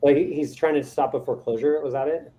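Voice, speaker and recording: A man coaching a colleague after a sales call, giving encouraging feedback in a casual, lively way. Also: fairly high pitch, quick pace.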